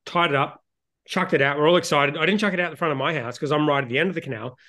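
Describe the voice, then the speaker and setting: An Australian man chats quickly and bluntly, with plenty of casual swearing. His voice sits a little high for a man. He sounds informal, like a co-host swapping stories with a friend. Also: bright, forceful tone. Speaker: beer show co-host. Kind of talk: casual chat and anecdote.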